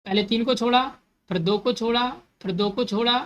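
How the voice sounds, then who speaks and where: A woman's voice: on the high side, steady tone, normal speed, highs cut off. A woman teaching a math lesson step by step, number words into her talk, repeating steps and asking herself questions as she goes.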